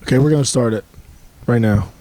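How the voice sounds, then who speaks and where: A man's voice: medium pitch, fast talker, dark tone, a little hiss or hum. A young man co-hosting a podcast in casual chat, joking and rambling, laughing often. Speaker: podcast co-host.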